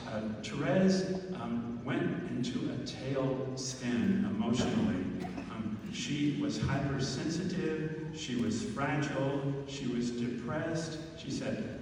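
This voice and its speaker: A man delivers a homily from the pulpit at a slow, halting pace, pausing often as he searches for words. His voice sits at a middle male pitch. It rings with long church reverb and is picked up from a distance. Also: darkish tone. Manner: halting, hesitant delivery with frequent pauses. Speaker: preacher giving a homily. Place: large reverberant church, speaking to a congregation. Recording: echoey church hall, distant mic, faint noise.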